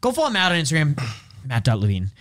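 A man's voice: fairly high pitch, huge pitch swings, fast, a bit bright, dry recording, studio quality. Brash joking male podcast host. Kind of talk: casual podcast banter.

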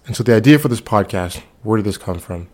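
Podcast host, twenties, from the Bahamas, lowish voice, easygoing and chatty. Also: male voice, fast. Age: 20s. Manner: relaxed, conversational, with frequent fillers. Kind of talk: solo podcast introduction.

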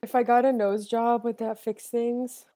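A woman co-hosting a comedy podcast, playful and quick to laugh. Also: on the high side, level tone, warm tone, dry recording. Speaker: podcast co-host. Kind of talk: casual comedy podcast chat.

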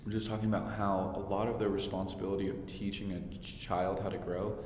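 A man's voice: sits low, flat delivery, fast, a little mellow. A young man co-hosting a casual, candid chat in a very echoey, hard-walled room. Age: young adult. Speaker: podcast co-host. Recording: very echoey room, faint noise.

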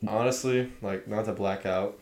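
A man's voice: on the low side, fairly even intonation, moderate pace, darkish tone, slight background noise. Laid-back young man, echoey room. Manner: laid-back, swears casually. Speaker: podcast guest. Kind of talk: casual chat.

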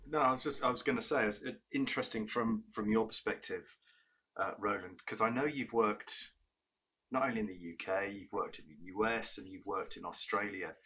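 A man hosting a podcast, asking quick, eager questions in casual discussion. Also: fairly low pitch, pushed and bright. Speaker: podcast host.

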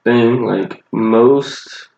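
A man's voice: mid-range voice, very slow, creaky, darkish tone, roomy sound, highs cut off. A man with a Southern accent and a groggy voice, a bartender co-hosting a podcast and rambling casually about his work. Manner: rambling, loose, swears casually. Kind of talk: casual chat.

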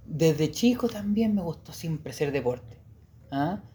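A young man with a Chilean Spanish accent, co-hosting a casual chat in a relaxed, rambling way. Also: on the high side, a little slow, slight background noise. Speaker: podcast co-host.

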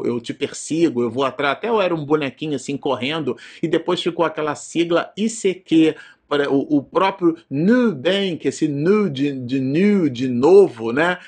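A Brazilian man with a slightly raised, husky voice delivers a loose study lecture. He wanders into side remarks and keeps checking in with short filler tags. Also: fairly high pitch. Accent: Brazilian Portuguese. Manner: digressive, frequent filler tags and restarts. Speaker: presenter of a spiritist study program.

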